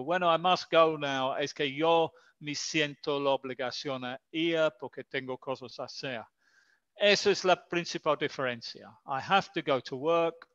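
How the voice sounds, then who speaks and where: Slow, patient male English teacher. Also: fairly high pitch, fairly bright tone, clear, resonant tone, dry recording, dull audio. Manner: slow, patient explanations mixing Spanish and English. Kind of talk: online language lesson.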